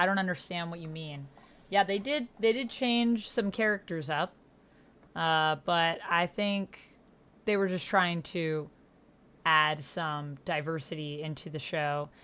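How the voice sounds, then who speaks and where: In a clean, low voice, a woman plays and hosts a solo tabletop roleplay, reading text posts aloud. Between passages she reacts casually and expressively, gasping and exclaiming.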